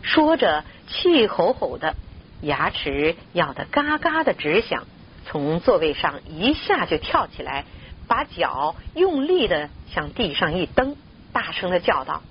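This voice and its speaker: A woman narrating a story aloud in an expressive, steady reading voice. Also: fairly low pitch, takes it slowly, muffled recording, a little hiss or hum.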